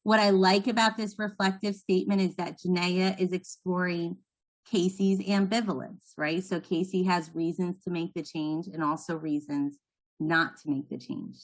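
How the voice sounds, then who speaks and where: A woman's voice: fairly low pitch, fairly even intonation, moderate pace. A woman leading a training session, explaining patiently and encouraging the trainees. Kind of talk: instructional talk to trainees.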